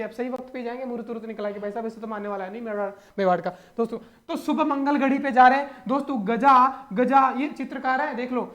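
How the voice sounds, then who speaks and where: A young man teaching exam material as a coaching teacher, in an energetic, jokey lecture full of repeated phrases and memory tricks. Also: very high voice. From Rajasthan, India. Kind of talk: animated mnemonic lecture.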